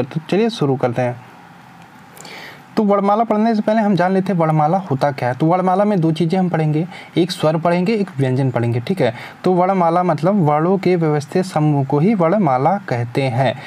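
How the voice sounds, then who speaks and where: A man's voice: on the high side, lively intonation, fast, mellow. A young man teaching an exam-prep lesson, asking questions and answering them himself. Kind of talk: spoken lesson.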